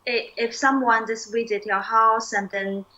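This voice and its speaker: A young woman teaching a relaxed one-on-one language lesson. She talks patiently, fills her explanations with "like" and "um", and says new words slowly to model them. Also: a little high, lo-fi sound. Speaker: Chinese teacher.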